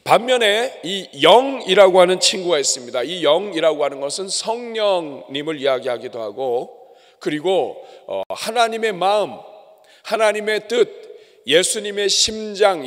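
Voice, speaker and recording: A man's voice: high-pitched, big pitch swings, a little slow. A man preaching a sermon as pastor, emphatic and conversational, addressing his congregation. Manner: emphatic preaching with acted asides. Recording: long hall reverb.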